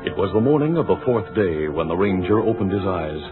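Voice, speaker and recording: A man narrating a radio drama in a measured, dramatic way. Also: sits low, sing-song. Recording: tinny old radio broadcast with music. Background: music.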